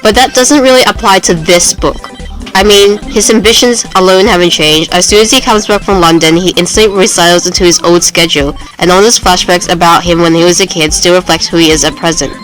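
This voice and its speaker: Young woman kinda low voice, student arguing thru examples in a casual debate, bit of music behind. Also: fairly quick, a bit bright, poor audio. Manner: argumentative, reasoning through examples. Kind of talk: informal book debate.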